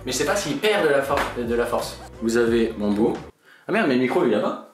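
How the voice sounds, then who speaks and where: A man's voice: mid-range voice, sing-song, quick pace. A young man hosting a challenge video, chatting casually with friends. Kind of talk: casual chat among friends during a game. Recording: roomy echo, music behind. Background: music.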